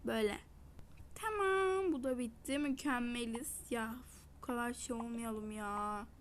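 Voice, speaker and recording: A woman's voice: a little high, unhurried, a little hiss or hum. A young woman vlogging casually while baking, chatty and self-mocking. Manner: chatty, dramatic outbursts and self-mocking complaints.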